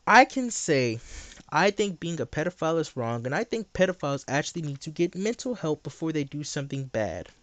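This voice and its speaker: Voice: medium pitch, sing-song, a little fast, a bit bright, no echo. A teenage live streamer chatting and debating bluntly and casually while chewing gum. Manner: blunt, argumentative.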